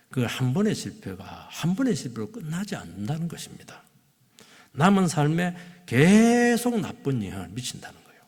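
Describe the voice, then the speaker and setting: A man preaching a sermon as pastor in a church, swinging between loud exclamations and hushed asides. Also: fairly low pitch, breathy edge. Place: church sanctuary. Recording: long reverb of a church hall.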